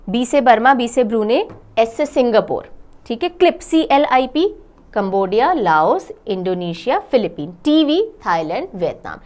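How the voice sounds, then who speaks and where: A woman's voice: fairly high pitch, darkish tone. Woman teaching current affairs, questioning aloud. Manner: explains step by step, asks and answers own questions; mixes English phrases into Hindi. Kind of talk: exam-prep lecture.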